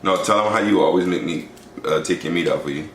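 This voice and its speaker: A young man with a very low voice talks loose and slangy while eating on camera. He sits a little back from the mic, so he sounds distant in an echoey room with faint background hum. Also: fast. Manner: laid-back slangy talk. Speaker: vlog co-host. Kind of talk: casual mukbang chat.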